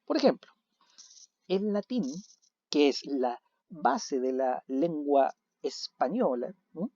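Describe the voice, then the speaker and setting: A man teaching a recorded video lesson, animated, asking questions and answering them himself. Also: on the high side, takes it slowly, no room sound. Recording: dull lo-fi recording.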